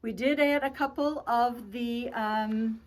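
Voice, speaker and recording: A woman giving a casual show-and-tell tutorial on her quilting projects, chatty, talking fast and a lot with frequent restarts. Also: on the high side, steady tone. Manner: chatty, talks fast and a lot, self-interrupting. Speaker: quilt shop co-owner showing projects.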